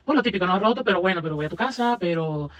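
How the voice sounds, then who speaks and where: Bright, fast-talking man. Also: high-pitched. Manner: animated, acts out his own past lines. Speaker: podcast co-host. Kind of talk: casual storytelling.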